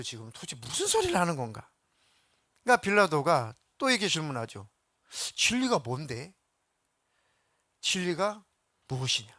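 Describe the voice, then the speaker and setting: Animated male pastor preaching. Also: fairly high pitch, no echo. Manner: animated, acts out biblical quotes in voices; asks the congregation questions. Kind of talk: sermon.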